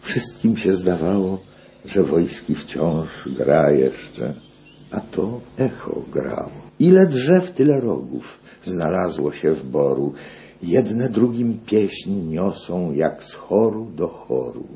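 A man declaims epic verse in a deep, unhurried voice. His pitch rises and sinks dramatically across each line. It is a slow, grand reading. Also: lively intonation, creaky, warm tone, a little hiss or hum.

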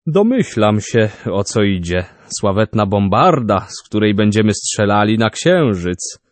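Guy doing a mild patronizing friend, slow and low, storybook. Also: big pitch swings, dry recording. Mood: indulgent. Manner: gentle, patronizing. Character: calm, indulgent male friend.

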